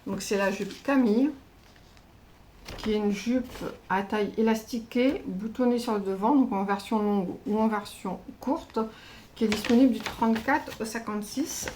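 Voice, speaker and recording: A chatty woman with a French accent presents her latest craft parcels in a relaxed, hesitant way, often pausing to search for words. Her voice sits at an ordinary middle pitch, with a faint hum of room noise underneath. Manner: chatty, hesitant, lots of fillers. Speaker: craft channel host. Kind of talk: casual unboxing vlog.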